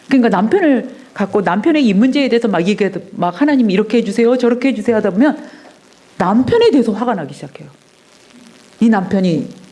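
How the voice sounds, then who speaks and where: A middle-aged woman giving a personal testimony at a Sunday church service, telling her story earnestly and dropping her voice softly at tender moments. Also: medium pitch. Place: church sanctuary.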